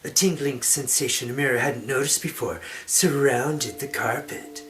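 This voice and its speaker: A man's voice: mid-range voice, a bit bright. A man narrating a fantasy novel as a dramatic reading, with hammy, theatrical stage delivery. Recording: music behind the voice.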